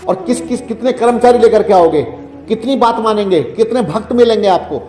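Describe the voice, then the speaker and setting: A man's voice: high voice, expressive, brisk, darkish tone. A man giving health and meditation advice in a preachy way, repeating phrases and asking rhetorical questions. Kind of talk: advice talk to a listener. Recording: roomy echo, long reverb, faint music.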